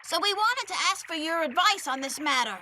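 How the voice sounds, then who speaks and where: Brainy little anime dub kid, high and bright, sensible, overacted. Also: female voice, lively intonation, fairly quick, slight background noise, heavily acted. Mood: helpful. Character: thoughtful, sensible young schoolchild with ideas.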